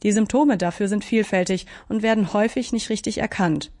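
A woman reporter reading a scripted radio news report in a calm, measured way. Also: medium pitch.

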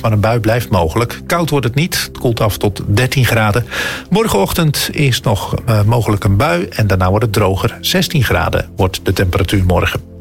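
A man with a Netherlands Dutch accent reads a scripted radio news bulletin. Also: mid-range voice. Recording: music bed behind the voice. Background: music.

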